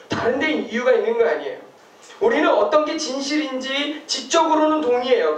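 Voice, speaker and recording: A male pastor preaching a sermon, asking his congregation questions and answering them himself. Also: very high-pitched. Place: church hall. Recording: echoey hall, mic from far off.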